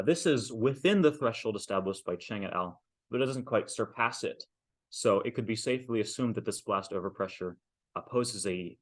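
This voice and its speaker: A man in his twenties giving an academic technical presentation as a student, speaking carefully and hesitantly with frequent ums and pauses. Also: deep voice. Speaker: master's student presenting a thesis defense.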